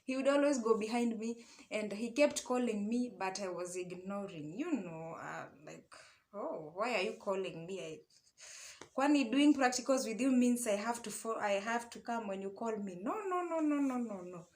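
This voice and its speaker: This young woman, an online storyteller and love coach with a Kenyan accent, shares a personal story in a relaxed, chatty way. She switches between English and Swahili and keeps checking in with small tag questions. Her mid-range voice is expressive and a little mellow, at a moderate pace.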